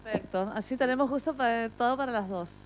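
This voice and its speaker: A woman's voice: fairly high pitch, fairly quick. Cheerful Peruvian woman, laughing easily. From Peru. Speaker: swimwear shop worker. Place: indoor swimwear shop. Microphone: interviewer's handheld mic.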